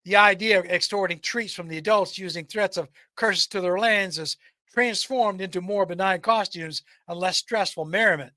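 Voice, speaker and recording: A man's voice: high voice, normal speed, sharp tone, dry recording. A man narrating folklore and tales as a podcast host, reading from a script and now and then stumbling or repeating a word.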